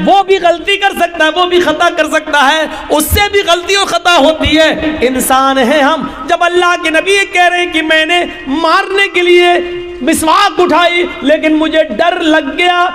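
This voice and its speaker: A man's voice: very high voice, a bit bright. A male Islamic preacher delivering a sermon with emphatic, repetitive rhetorical questions, in long hall reverb.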